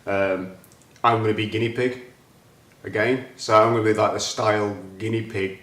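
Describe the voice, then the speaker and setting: A man, hosting a casual chat and talking about his plans in an animated, excitable way. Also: lowish voice, normal speed, roomy sound. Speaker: host.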